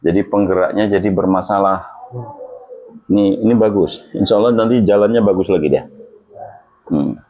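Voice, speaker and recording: During hands-on treatment, a male healing therapist jokes and reassures, peppering his talk with religious exclamations. He speaks in a deep voice at a moderate pace with long pauses, over lo-fi, phone-like audio.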